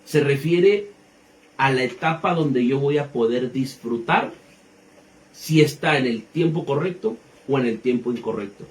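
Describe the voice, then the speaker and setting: An unhurried, expressive pastor in his thirties with a mid-range voice teaches the Bible as if in conversation. He poses rhetorical questions and draws on everyday examples.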